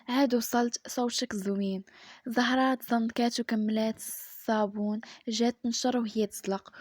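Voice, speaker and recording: A woman with a Moroccan accent narrating a story in a hushed, half-whispered voice. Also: a little high, no room sound, clean studio sound.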